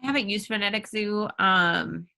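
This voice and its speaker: A woman's voice: medium pitch, moderate pace, creaky, sharp tone. A woman on a panel, a homeschooling parent, talking candidly and rambling a little. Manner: candid, rambling, laughs easily. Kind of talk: casual panel discussion.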